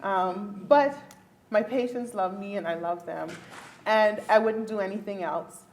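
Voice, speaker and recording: Answering a panel question at a luncheon event hall, a neurologist from the Bahamas speaks earnestly and emphatically, laughing frequently. Her mid-range voice is a little mellow at a measured pace, and the rough recording has a little hiss or hum.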